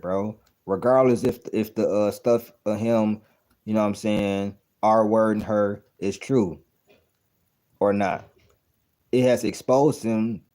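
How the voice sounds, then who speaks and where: A reaction video host in his thirties, with a low, mellow voice, offers casual commentary on a clip. He's blunt, profane, and incredulous, and keeps repeating his points.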